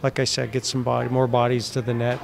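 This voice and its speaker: Speaking fast and monotone with vocal fry, a man in his fifties who coaches hockey answers postgame press questions bluntly and plainly, using many fillers. His mid-range voice goes into a handheld mic near his chin, recorded before an indoor press backdrop.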